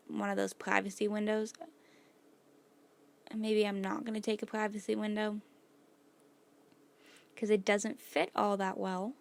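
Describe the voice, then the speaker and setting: A woman's voice: medium pitch, vocal fry. A woman losing her voice, casually narrating a build video as host and thinking aloud as she works, with many "like"s and "gonna go ahead"s. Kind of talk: casual gameplay voice-over.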